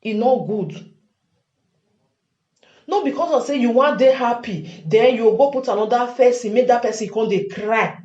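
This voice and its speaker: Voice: mid-range voice, normal speed, darkish tone. Nigerian Pidgin speaker, dull echoey recording. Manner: emphatic, repeats phrases for stress. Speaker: online commentator addressing fellow Nigerians. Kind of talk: informal advice monologue. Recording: dull lo-fi sound, echoey room.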